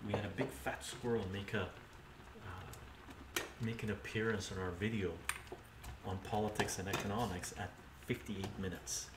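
In a casual cooking live stream, an older man talks through each step aloud in his home kitchen and reads chat as he goes. He speaks at a measured pace with a fairly low pitch and steady tone. The stream audio is roomy, distant and noisy, captured by a camera mic placed away from him.

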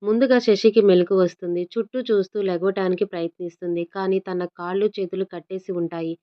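A woman's voice: mid-range voice, steady tone, brisk, dull audio. Woman reading a story aloud. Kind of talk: reading a serialized love story.

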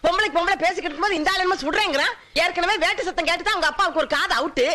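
A quick-tongued mother-in-law who scolds without pause. Her voice is very high, bright and fast. Faint music plays beneath. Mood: scolding. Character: sharp-tongued middle-aged mother-in-law. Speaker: actress in a film scene. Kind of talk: melodramatic film dialogue.

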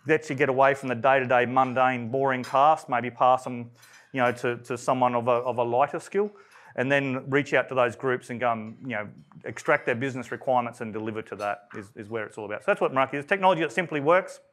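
Fast-talking Australian man presenting. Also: medium pitch. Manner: rapid, conversational, with many fillers and restarts; self-described monotone. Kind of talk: technical presentation. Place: event room.

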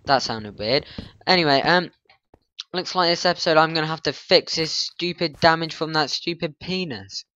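Bright-voiced, flustered young gaming commentator. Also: male voice, fairly high pitch, normal speed, clear, resonant tone, no echo, lo-fi sound. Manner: flustered, grumbling, self-mocking. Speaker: gaming channel host. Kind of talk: rambling let's-play commentary.

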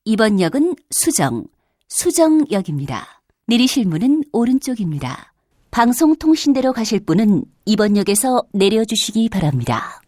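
Woman voicing a prerecorded subway stop announcement, formal and courteous, slightly high, dry studio sound. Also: sing-song, moderate pace, darkish tone, no echo. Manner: polite, formal, evenly paced. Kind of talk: prerecorded train station announcement.

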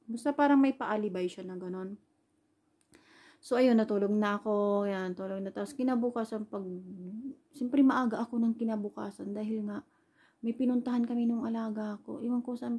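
A Filipino woman with a mellow, mid-range voice, an overseas worker and caregiver who vlogs, casually recounts a personal story. Her rambling vlog style is full of fillers like "ayan," and she retells quoted dialogue along the way.

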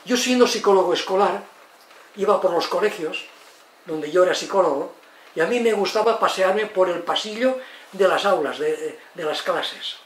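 An older man in his eighties from Spain lectures in a lively way and acts out the voices of people he tells about. His voice is high for a man and sounds distant from the mic. The room is echoey, with a faint hiss behind him. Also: moderate pace. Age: 80s. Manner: expressive, tag questions, acts out quotes. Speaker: lecturer on psychology and education.

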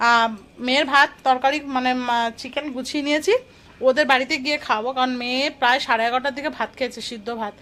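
A woman's voice: high voice, fairly even intonation, quick pace, a bit bright. A young woman with a Kolkata Bengali accent, narrating a casual family vlog and talking with her toddler in between. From India. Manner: chatty, talks to her toddler between asides to viewers. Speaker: vlogger and mother.

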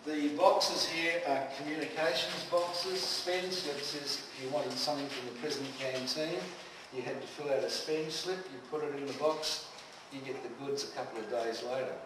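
A man's voice: mid-range voice, fairly even intonation, moderate pace. A man giving a dramatic guided tour of a prison and projecting his voice to the group. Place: echoey old stone prison. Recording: echoey, distant, noisy visitor camera.

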